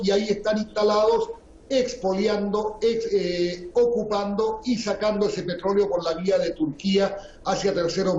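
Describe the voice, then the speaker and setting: Man, political analyst, halting delivery, roomy echo, muffled recording. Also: sits high, darkish tone, slight background noise. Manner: halting, repeats words, addresses host by name. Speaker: guest analyst. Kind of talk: political commentary.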